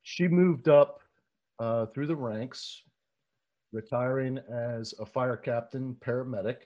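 A man hosting a podcast, reading a measured introduction and then asking questions with frequent ums and uhs. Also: medium pitch, warm tone, highs cut off. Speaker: podcast host. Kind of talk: scripted intro then casual interview.

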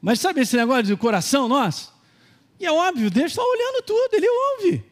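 A man's voice: very high-pitched, very animated, brisk. A middle-aged man with a Brazilian Portuguese accent, giving a sermon and telling a personal story in a conversational way, with asides to the congregation. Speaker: pastor. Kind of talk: sermon testimony.

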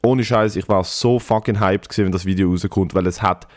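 A man with a Swiss German accent and a phlegmy smoker's rasp, chatting casually with lots of slang, swearing and emphasis. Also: low voice, fairly even intonation, fairly quick, dry recording, clean studio sound. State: congested with phlegm. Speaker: comedian and podcast host. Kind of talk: casual podcast banter.

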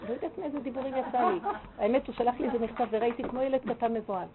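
A woman giving a religious lecture, telling a counseling story in an animated, emphatic way. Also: fairly high pitch, crowd noise. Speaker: religious teacher. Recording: tinny phone-like line with faint noise.

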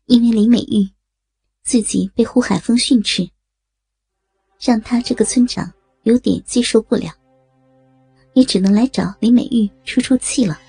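A woman narrating a story in a steady, matter-of-fact reading voice. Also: a little high, normal speed, long pauses, breathy edge, no room sound, faint music behind.

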